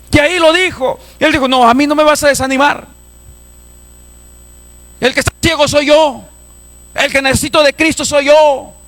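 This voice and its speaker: Man, pastor, very high voice, fervent sermon, loud raised appeals, quiet asides. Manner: preaching with sudden loud raised passages and soft low asides. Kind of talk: evangelistic sermon. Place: church.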